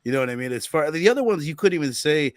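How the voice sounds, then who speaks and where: Animated man hosting a movie chat. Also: on the high side, very fast, no echo, clean studio sound. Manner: animated, acts out movie lines in exaggerated voices. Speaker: podcast host. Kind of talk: casual movie review chat.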